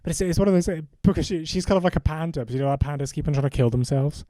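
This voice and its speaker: A young adult man, a comedian co-hosting a podcast, riffing on absurd ideas in a deadpan casual way. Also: a little high, very fast, dry recording.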